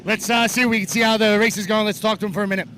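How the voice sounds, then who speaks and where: A man's voice: high voice, steady tone, rapid-fire, crowd noise. A man giving a casual, upbeat trackside walkaround at an outdoor drift event, chatting to the viewers. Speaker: event reporter for a wheel brand. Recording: noisy outdoor race track. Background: car engines and track noise.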